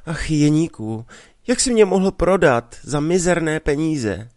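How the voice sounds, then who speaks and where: A man's voice: on the high side, lively intonation, a little mellow, no room sound, studio quality, pitched above the performer's own voice, lightly acted. Man doing a proud, hot-tempered village girl. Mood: reproachful. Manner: reproachful, indignant.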